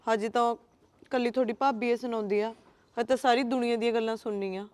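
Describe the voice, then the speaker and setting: An actress with a Punjabi accent playing a young wife who eloped, speaking quietly and earnestly about the taunts she suffers. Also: a little high, steady tone, fast talker, close to an everyday voice. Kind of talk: Punjabi short-film acting.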